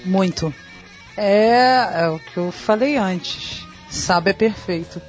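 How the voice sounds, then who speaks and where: A woman's voice: medium pitch, slow pace, highs cut off, soft background music. A woman with a Brazilian accent co-hosting a radio show, talking with enthusiasm and many hesitant fillers. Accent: Brazilian Portuguese. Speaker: radio co-host. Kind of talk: casual radio chat about rock music.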